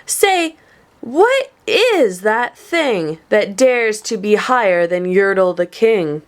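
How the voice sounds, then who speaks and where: A woman's voice: medium pitch, sing-song, slow. A woman voicing a pompous, boastful male turtle king who bellows his commands, read from a storybook. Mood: indignant.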